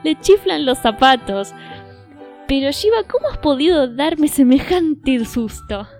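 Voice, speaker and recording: Woman putting on a young female pop singer, storybook princess, high and bright, eager, soft music behind. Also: measured pace. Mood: delighted.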